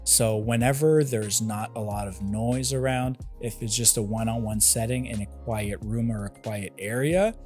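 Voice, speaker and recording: A man's voice: lowish voice, steady tone, normal speed, hardly any pauses, a little mellow. Man explaining a product over background music. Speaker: product reviewer. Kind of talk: casual review narration to viewers.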